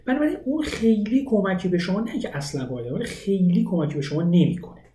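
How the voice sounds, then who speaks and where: A man teaching a language lesson, explaining study methods with lively, rising emphasis. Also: sits high, roomy sound, a little hiss or hum. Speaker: English teacher.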